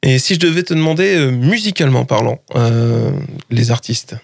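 A man hosts a relaxed radio interview in a small, dry studio. His voice sits at an ordinary pitch. He talks in an easygoing, encouraging way and often restarts his sentences. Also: moderate pace, creaky, no echo. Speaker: radio host.

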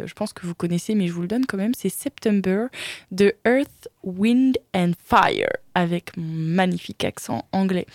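A young woman chats on air from a radio studio in a fairly high voice, laughing easily and teasing her co-hosts between hesitant fillers. The studio sound is close and dry. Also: darkish tone, no echo. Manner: giggly and teasing, many hesitations. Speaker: radio host. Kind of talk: casual student radio chat. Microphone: studio microphone.

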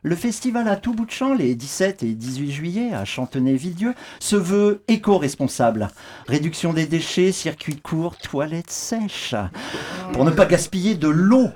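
A woman's voice: on the low side, expressive, moderate pace, warm tone. A woman delivering a scripted satirical column on the radio as a columnist.

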